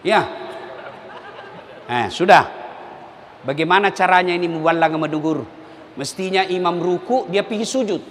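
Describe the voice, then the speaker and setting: A man preaching a lively, humorous sermon, throwing questions at the congregation and shouting. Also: high-pitched, moderate pace, long pauses. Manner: humorous, shouts questions and has the crowd answer. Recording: echoey hall with faint noise.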